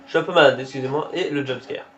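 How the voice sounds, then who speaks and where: Faint game music plays under a dull lo-fi recording of a man commentating as he shows characters in a game. His voice is medium-pitched and fast, and he reacts casually, exclaiming at what pops up on screen.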